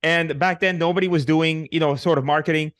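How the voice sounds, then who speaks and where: A middle-aged man with a Puerto Rican accent speaks as an interview guest, his voice sitting a little high for a man. He tells his story casually, joking along the way and stumbling through fillers and restarts. The sound is dry and close, with almost no room behind it. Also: fairly even intonation, fairly quick, fairly bright tone, dry recording. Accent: Puerto Rican Spanish. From Puerto Rico. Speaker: guest, real estate investor.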